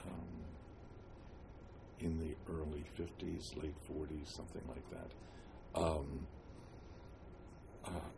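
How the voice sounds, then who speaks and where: An elderly man with an American accent looks back on his life in an oral history interview. His voice is extremely low and he speaks slowly, halting and searching between phrases as he reminisces. There is clear noise behind him. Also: fairly even intonation. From New Jersey, United States. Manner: halting, with long pauses and frequent hesitations. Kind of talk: reminiscing, telling life story.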